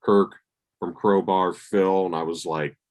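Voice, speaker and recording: Brief: male podcast co-host, very deep voice, laid-back anecdotal storyteller with casual cursing. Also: steady tone, unhurried. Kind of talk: casual chat.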